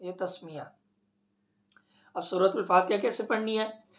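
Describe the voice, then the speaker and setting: A man teaching Quran recitation, explaining patiently and chanting drawn-out melodic examples. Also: sits high, fairly even intonation. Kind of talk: religious lesson with chanted recitation.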